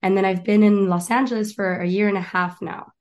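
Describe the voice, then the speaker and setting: A woman's voice: mid-range voice, fairly even intonation, brisk. A woman in her twenties from Miami and Argentina, a guest talking about her career in a casual interview, eager and chatty with many restarts. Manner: chatty and eager, lists things, frequent restarts. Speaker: guest, actress and stand-up comedian.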